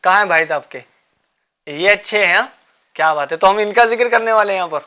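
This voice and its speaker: A man hosting a children's religious show, coaxing the kids with repeated questions and gentle teasing. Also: high-pitched. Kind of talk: quizzing children in a studio class.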